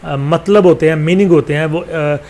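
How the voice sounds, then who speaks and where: A male teacher with a Pakistani accent who reads English lines slowly, then explains them at length with many pauses. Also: fairly high pitch, fairly even intonation, darkish tone. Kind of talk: explaining a textbook lesson.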